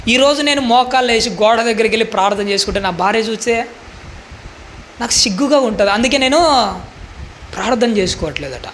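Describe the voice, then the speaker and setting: A man's voice: high-pitched, fairly bright tone, slight background noise. A male preacher giving a sermon in a fervent, pleading manner, full of rhetorical questions.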